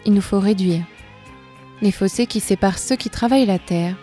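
Woman host, scripted narration, warm mellow tone, faint music behind. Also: medium pitch, moderate pace. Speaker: radio host.

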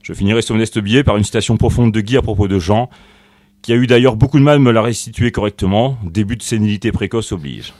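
A man's voice: fairly low pitch, fast talker, a little mellow. A man from Corsica reading a written comic tribute on the radio, with a mock-solemn, ironic delivery, recorded in a radio studio. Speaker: guest columnist.

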